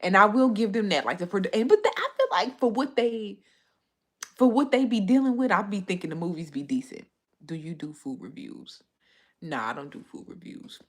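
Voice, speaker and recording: In a brisk, sing-song, mid-range voice, a woman runs a casual livestream, reading viewers' comments aloud and answering them in a chatty, rambling manner. A cold has left her a bit stuffy.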